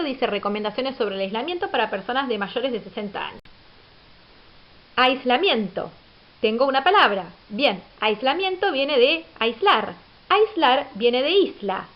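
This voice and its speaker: High-voiced woman giving a grammar lecture. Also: expressive, a little slow. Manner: patient, explanatory, rhetorical questions. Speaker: teacher. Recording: dull lo-fi audio.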